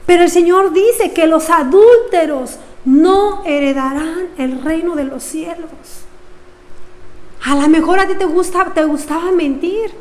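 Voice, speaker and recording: A woman's voice: very high-pitched, unhurried, darkish tone, long reverb tail. A woman pastor, preaching a sermon earnestly and asking the congregation rhetorical questions. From Mexico.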